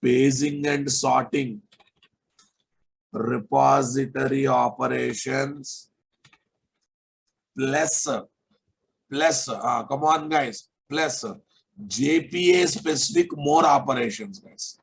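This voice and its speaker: A man teaching a live online software class, sternly repeating phrases and checking that students follow. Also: mid-range voice, takes it slowly, vocal fry, long pauses, slightly rough, poor audio. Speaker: programming instructor.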